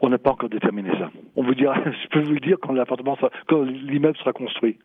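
A man in answers interview questions haltingly, searching for words and repeating himself. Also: medium pitch, breathy edge, no echo. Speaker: property developer, executive interviewee. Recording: thin phone-like sound.

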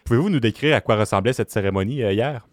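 A man conducts a news interview. His voice sits fairly low, and the recording is very dry with no room sound around him. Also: quick pace, no echo. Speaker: radio interviewer.

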